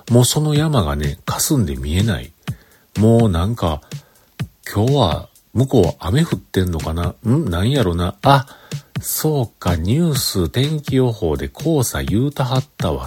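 A man with a Kyoto Kansai accent hosts a recorded solo talk show, chatting casually in a monologue. His voice is low-pitched and a little mellow. He sounds congested, his nose blocked, as though talking while holding his breath.

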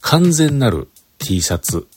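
A man's voice: mid-range voice, very animated, slow, a little mellow, faint music behind. A man with a Kyoto Kansai accent chats casually by himself as a show host, sounding congested with a blocked nose and talking as if holding his breath. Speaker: host of a recorded solo talk show. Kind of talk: casual chat monologue.

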